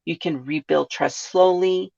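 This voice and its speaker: Low, dark and gravelly, her voice stays steady and unhurried. She's a California woman hosting a reflective self-help podcast, often asking listeners questions with a "right?" thrown in, and the sound quality is dull and lo-fi.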